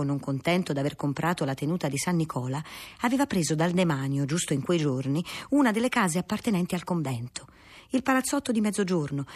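A woman narrating a classic novel in a measured, steady reading voice, husky in tone. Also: fairly low pitch.

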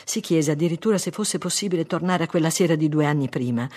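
Husky male audiobook narrator. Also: a little high, fast talker, darkish tone.

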